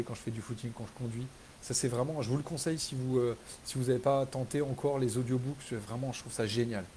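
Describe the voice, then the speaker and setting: Enthusiastic French man, dark mellow voice. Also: mid-range voice, a little hiss or hum, poor audio. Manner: rambling, enthusiastic, many fillers and restarts; animated when retelling scenes. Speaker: author hosting a live reader Q&A. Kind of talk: casual live chat.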